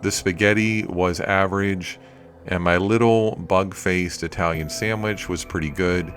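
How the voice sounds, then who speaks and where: A man's voice: low-pitched, fairly even intonation, measured pace, fairly bright tone. A man narrating a food review vlog as a voice-over in a plain-spoken, itemizing way. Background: music.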